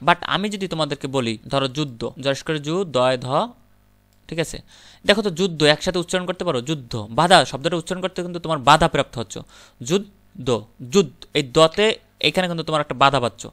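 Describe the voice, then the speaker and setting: A man teaches English grammar in a bright, ringing voice that is crisp and clear. He pitches a little high for a man. He breaks every point into small steps, asks the class a question and answers it himself, and slips English terms into his explanations. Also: lively intonation, fast talker. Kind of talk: classroom lecture.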